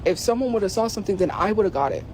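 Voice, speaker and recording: A man's voice: high-pitched, animated, racing, a little mellow, a little hiss or hum, rough recording. A man telling an emotional personal story in a rambling, filler-heavy way, recorded outside.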